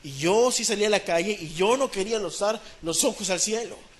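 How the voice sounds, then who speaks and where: Fervent high-voiced preacher man. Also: fairly quick. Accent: Mexican Spanish. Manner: swings between hushed pleading and loud fervent repetition. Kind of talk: sermon.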